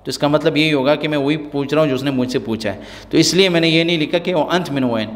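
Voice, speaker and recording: A man, teaching a spoken-language lesson and repeating example phrases slowly and deliberately. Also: on the high side, long reverb tail. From Pakistan. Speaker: Arabic teacher.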